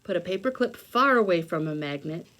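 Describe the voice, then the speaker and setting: Recorded in low quality on a homemade video with noticeable background noise, a woman with a lowish, fairly bright voice teaches young children a hands-on read-aloud lesson. She speaks briskly with lively intonation, thinking aloud and explaining things simply, one step at a time.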